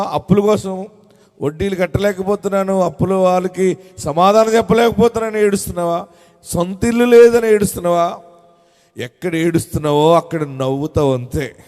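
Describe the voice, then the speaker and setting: A man with a notably high voice preaches in a large church hall, his words ringing out with a long reverb tail. He leads the congregation through call-and-response, drawing out key phrases slowly and repeating them for weight. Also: darkish tone. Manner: slow emphatic repetition of phrases, urging the congregation on. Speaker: pastor.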